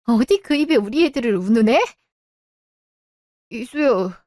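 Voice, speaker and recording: A woman acting in a radio drama, confronting in a sharp, cold way. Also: a little high, expressive, unhurried, no room sound, clean studio sound. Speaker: voice actor.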